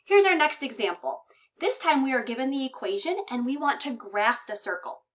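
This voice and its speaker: A woman's voice: high-pitched, animated, moderate pace. A woman teaching a math lesson in a slightly raised voice. She walks through each step patiently and plainly, with frequent reminders for her students. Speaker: high school math teacher.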